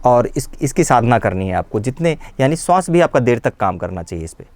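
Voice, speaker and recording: A man teaching a singing lesson, explaining pitch patiently and often checking that his students follow. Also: very animated, brisk. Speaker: music teacher. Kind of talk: vocal lesson.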